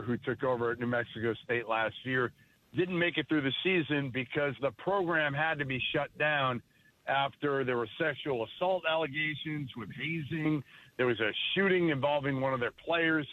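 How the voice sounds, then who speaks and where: A man calling in as a college basketball insider while driving, speaking matter-of-fact about the game. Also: medium pitch. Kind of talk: phone interview. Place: in a car, driving. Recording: tinny phone line.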